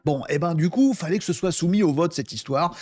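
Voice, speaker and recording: A man with a fairly high voice hosts a tech news roundup in a chatty, joking way. He fills his speech with fillers and restarts, and his voice jumps up on playful asides. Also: a little fast, darkish tone, soft background music. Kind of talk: casual tech news commentary.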